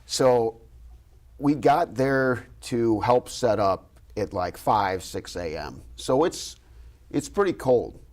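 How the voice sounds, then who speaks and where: A TV news host tells a story in an animated, self-deprecating way, often breaking into light laughter. His delivery is chatty, with sudden bursts of speed. His voice sits at an ordinary middle pitch. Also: slow pace. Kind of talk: casual TV studio chat, anecdote. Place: TV news studio.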